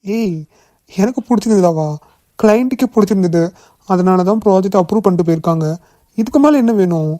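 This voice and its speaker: A kind young male boss speaks in a gentle, coaxing way, as a woman acts him out. The voice is mellow and dark, at a middling pitch, and the cartoon recording is dry and close. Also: fairly quick, long pauses, no echo, natural voice. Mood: reassuring. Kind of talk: cartoon voice acting.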